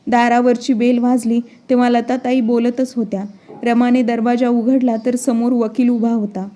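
A woman narrates a moral story in a measured, scripted reading. Her voice sits a little high and barely rises or falls. The tone is mellow and dark rather than bright. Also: little pitch movement.

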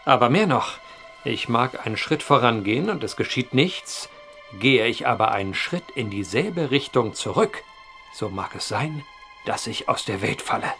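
In a gothic period horror audio drama, a solemn, courteous man investigating vanishings explains things in formal, deliberate, old-fashioned phrases. His mid-pitched voice has lively, vivid intonation, earnest in mood, polite as a storyteller, with soft music underneath.

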